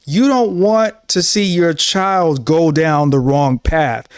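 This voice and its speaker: In a studio-quality recording with no room sound, a show host in his thirties gives an earnest, sermon-like casual talk to camera. He tends to repeat himself, and his voice sits on the high side.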